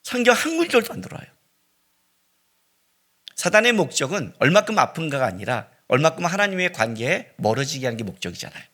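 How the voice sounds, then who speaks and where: A middle-aged man preaching a sermon as pastor, swinging between loud cries and hushed, near-whispered lines. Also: on the high side, very animated, a little fast. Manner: dramatic preaching with sudden loud rises and hushed drops.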